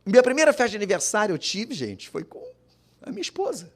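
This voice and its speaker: Fast-paced and high-voiced, with wildly swooping pitch, a man from Brazil tells a public forum an emotional story as a father. He brings his family into it by acting out their voices.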